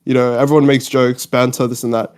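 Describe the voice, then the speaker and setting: A man's voice: mid-range voice, flat delivery, brisk, a little mellow, clean tone. A twenty-year-old man from Australia, born in Mauritius, chatting casually in an informal, rambling way as a podcast guest. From Australia, born in Mauritius, lived in UK. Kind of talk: casual chat.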